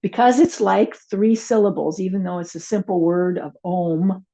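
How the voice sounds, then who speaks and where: Woman yoga teacher, mellow warm voice, gentle unhurried cues, slightly dull lo-fi sound. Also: medium pitch, fairly even intonation. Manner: gentle, unhurried cueing with soft asides. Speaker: chair yoga and meditation teacher. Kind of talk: guided yoga class instruction.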